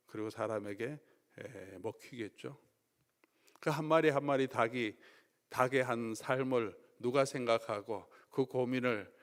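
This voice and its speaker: Korean pastor preaching in a reverberant church. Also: male voice, medium pitch. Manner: dynamic preaching, rising to loud emphatic peaks and dropping to quiet asides. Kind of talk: sermon. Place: church sanctuary. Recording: long reverb of a church hall.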